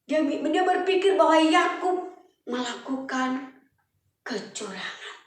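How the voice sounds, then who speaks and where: Woman, children's church teacher, high voice, lively storytelling, questions to children, echoey hall, distant mic. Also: slow pace.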